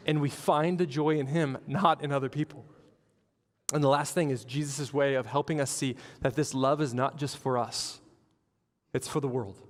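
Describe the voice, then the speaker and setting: A man preaching a sermon as pastor, animated, acting out the people in his stories. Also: mid-range voice, moderate pace, in a large hall. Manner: animated storytelling with acted-out quotes. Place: church hall.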